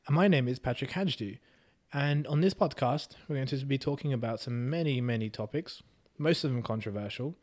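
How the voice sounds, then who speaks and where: A man's voice: mid-range voice, fairly quick, a little mellow. A man, co-hosting a casual podcast chat in a wry, joking way. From Hungary. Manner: wry, joking, self-deprecating. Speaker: podcast co-host.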